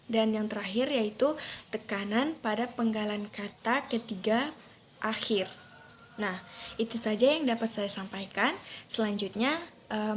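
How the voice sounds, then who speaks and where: A young woman presents a lesson to her class in a slightly raised voice. She stops often to fill pauses as she goes. A faint hiss of background noise sits under her voice. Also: on the high side. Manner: hesitant, many fillers. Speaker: student presenter.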